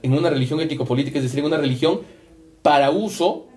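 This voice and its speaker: Emphatic higher-voiced man explaining. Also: fast talker, darkish tone. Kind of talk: conversational commentary.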